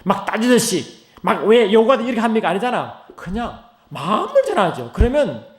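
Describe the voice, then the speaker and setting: A man's voice: big pitch swings, fairly quick, crowd noise. Middle-aged pastor man in an echoey church. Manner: swings from loud high rising calls to low hushed asides; asks the congregation many questions. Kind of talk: sermon. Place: church sanctuary. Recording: roomy church echo.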